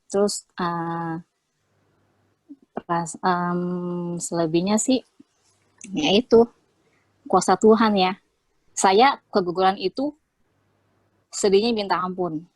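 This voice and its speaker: A woman's voice: medium pitch, darkish tone, no echo. A young woman speaks in a heartfelt, chatty way, full of small fillers as she tells her story. The sound is dry and close, with no room around it. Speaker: interviewee sharing a faith testimony. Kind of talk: casual testimony.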